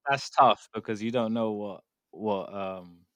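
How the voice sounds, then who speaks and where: Uk podcast guy, lowish voice, rambles a lot with um and you know. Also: measured pace, fairly bright tone, clear, resonant tone, no echo. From United Kingdom. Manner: rambling, hedging with fillers. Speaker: podcast co-host. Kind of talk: casual chat.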